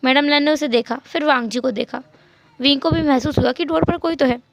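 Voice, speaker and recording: A woman narrating a fan story in a lively retelling with English words mixed in. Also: high voice, fairly quick, gravelly, dry recording, highs cut off.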